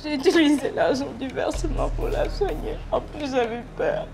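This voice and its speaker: A woman's voice: high-pitched, very animated, moderate pace, music in the background. A woman with a Senegalese accent playing a frightened young dealer who begs her boss for help in a TV drama. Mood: pleading. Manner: pleading, tearful. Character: desperate young woman pleading for her life. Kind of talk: TV drama acting.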